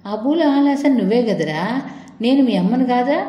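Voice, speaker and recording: A woman's voice: on the high side, lively intonation, normal speed, highs cut off, voice pushed up, lightly acted. Woman voicing an anxious old mother pleading. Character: worried old mother pleading with her son. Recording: echoey room with long reverb.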